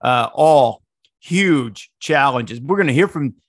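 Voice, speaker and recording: A man's voice: mid-range voice, animated, slow, dry recording, clean studio sound. A middle-aged man co-hosting a podcast, chatting casually about college football in a rambling, digressive way with many restarts. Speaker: podcast co-host. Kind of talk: casual sports chat.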